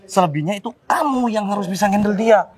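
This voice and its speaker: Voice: mid-range voice, brisk, darkish tone, close to an everyday voice. An actor playing a kidnapping accomplice who scolds a partner for a near escape in a web drama. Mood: reproachful. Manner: reproachful, blaming. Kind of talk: amateur web drama acting.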